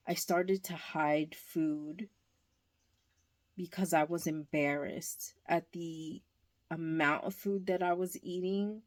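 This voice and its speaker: A woman talking candidly in a casual home vlog, hesitant and pausing often. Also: deep voice, darkish tone. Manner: candid, slow and hesitant with many pauses. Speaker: vlogger. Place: indoors at home, under a blanket.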